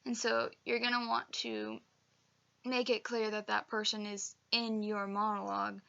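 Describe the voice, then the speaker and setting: Bright, gravelly young woman teaching acting. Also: mid-range voice, flat delivery, unhurried, lo-fi sound. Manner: chatty, emphatic, with fillers and self-corrections. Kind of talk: casual instructional video.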